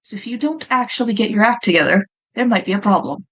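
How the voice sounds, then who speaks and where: A woman's voice: medium pitch, fast talker, a bit bright, natural voice. A woman voicing Kat, an exasperated male adventurer who scolds his reckless friend. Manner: scolding, impatient.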